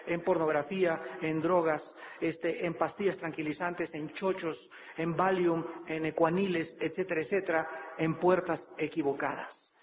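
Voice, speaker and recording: A man preaching a sermon as a pastor, animated, acting out pleading voices of troubled people. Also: a little high, a little hiss or hum. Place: church or studio hall. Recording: dull reverberant hall recording.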